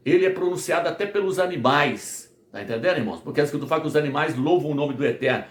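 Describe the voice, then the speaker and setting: A fairly high-voiced man from Brazil preaches a Bible study in an echoey room. He drives his points home by firing questions and answering them himself, over and over. His teaching is emphatic and repetitive. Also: racing. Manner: repetitive call-and-response questioning.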